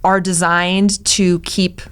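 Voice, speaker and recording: A woman lawyer in a casual podcast chat, chatty and animated. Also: lowish voice, slow pace, clear, resonant tone.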